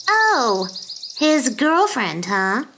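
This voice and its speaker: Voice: high voice, very animated, very slow, background noise, heavily acted. A performer voicing a sweet but violently bratty little girl in a comic audio drama.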